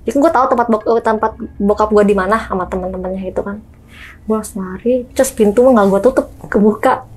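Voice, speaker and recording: A woman's voice: medium pitch, fast talker, husky, low-quality recording. A young woman, casually telling a true ghost story as a guest, acting out knocks and voices. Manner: lively, acts out knocks and voices.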